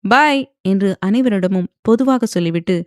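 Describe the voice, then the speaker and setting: A woman's voice: on the low side, normal speed, a little mellow, dry recording, studio quality. Woman narrating a romance audio novel.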